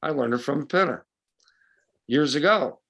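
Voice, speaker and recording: A man's voice: on the high side, expressive, moderate pace, vocal fry, fairly bright tone. A man from western New York talking bluntly and casually as a fishing guide at a club meeting, with a folksy, opinionated way of speaking.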